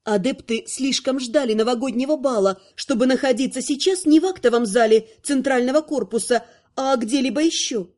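A woman giving a scripted narration of a fantasy story in an even, expressive reading. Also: high voice, a little fast, few pauses.

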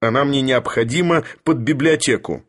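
A man voicing a haughty older professor who speaks in an imperious, lecturing, deliberate manner. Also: mid-range voice, lightly acted. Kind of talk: audiobook character voice.

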